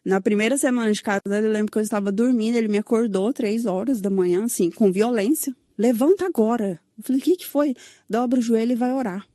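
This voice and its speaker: Woman telling her testimony, dark dry voice. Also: on the high side, quick pace, few pauses, no echo. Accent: Brazilian Portuguese, São Paulo. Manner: recounts with many "né?" tags and quoted dialogue. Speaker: guest sharing her testimony. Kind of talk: emotional personal testimony.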